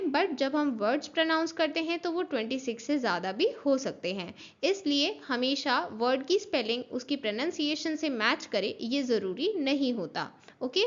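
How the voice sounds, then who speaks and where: A woman's voice: high voice, sharp tone. A woman teacher giving an online class lecture, explaining step by step, spelling out letters and checking that students have understood. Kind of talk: online class lecture mixing Hindi and English. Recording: dull lo-fi recording.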